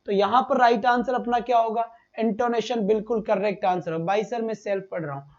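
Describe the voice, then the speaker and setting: A man teaching a live online exam-prep class, briskly quizzing his students and reading out and answering their chat comments. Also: high voice, steady tone, darkish tone, lo-fi sound.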